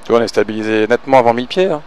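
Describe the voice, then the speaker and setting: A man's voice: mid-range voice, expressive, rapid-fire, a little mellow, clean tone. A man working as a pilot, calling out checklists and casually coaching, often thinking aloud between clipped callouts. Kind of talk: cockpit callouts and casual instruction.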